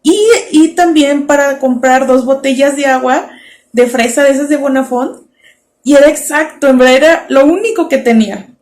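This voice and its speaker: Mexican woman in her thirties, high voice, earnest faith testimony told as a story. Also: darkish tone. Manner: earnest storytelling, acting out her own past words. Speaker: speaker sharing a testimony.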